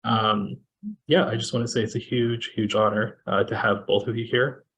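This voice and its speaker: A man from Kenya moderating a panel discussion over a video call, talking in a measured way with many fillers. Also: fairly low pitch, fairly even intonation, fairly bright tone, dull audio. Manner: measured, with frequent fillers and restarts.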